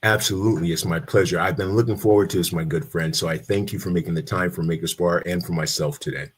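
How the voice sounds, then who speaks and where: A man's voice: low-pitched, fairly even intonation, quick pace, husky. A man hosting a podcast interview, greeting his guest and the audience with enthusiastic welcomes. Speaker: podcast host.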